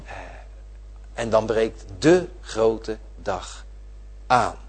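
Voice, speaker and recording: Husky preacher with lively pitch. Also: male voice, drawn-out words. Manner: emphatic, repeating phrases with swelling and dropping volume. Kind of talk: sermon.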